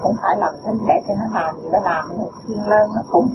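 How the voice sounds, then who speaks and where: A woman's voice: mid-range voice, brisk. Distant woman, plaintive. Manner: plaintive, telling family troubles. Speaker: disciple asking a question. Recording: distant, muffled, noisy recording.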